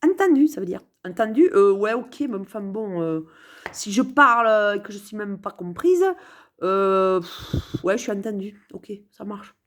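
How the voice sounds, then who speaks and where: A woman's voice: mid-range voice, moderate pace. A woman musing playfully to camera from her sofa at home, meandering with many hesitations and repeated words. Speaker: vlogger. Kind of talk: rambling casual musing to camera.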